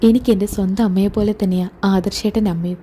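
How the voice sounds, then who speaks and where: A woman's voice: mid-range voice, fairly even intonation, fast talker, dark tone, breathy edge, close to an everyday voice. A woman voicing a devoted young daughter-in-law who speaks earnestly. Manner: earnest, reassuring.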